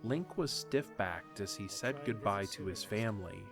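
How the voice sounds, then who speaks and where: Faint, soft music sits under the narration as a fairly low-voiced man recounts a story at a steady, measured pace.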